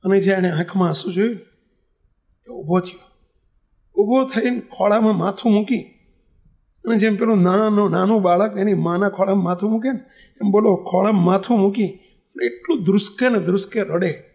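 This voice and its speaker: Male monk preaching, high voice, emotional storytelling, intimate, slow emphatic pauses. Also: a little mellow. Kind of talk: devotional sermon storytelling.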